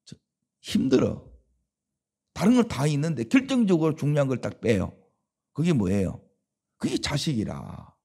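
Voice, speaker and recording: A man's voice: mid-range voice, big pitch swings, moderate pace, vocal fry, long pauses, mellow, breathy edge. A man preaching a dawn sermon as pastor, with a Gyeongsang Korean accent, talking conversationally and asking the congregation rhetorical questions.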